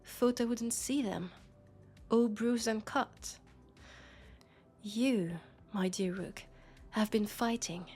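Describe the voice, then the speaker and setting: Speaking with a medium pitch and a breathy edge, a woman with a French accent performs a caring but sharp, scolding young policewoman for an intimate sci-fi roleplay audio drama.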